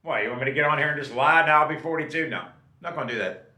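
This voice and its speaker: Giving viewers relaxed, homespun advice, this channel host and drummer in his late fifties keeps asking "okay?". He talks quickly, with a rather high, sharp-toned voice and a roomy sound.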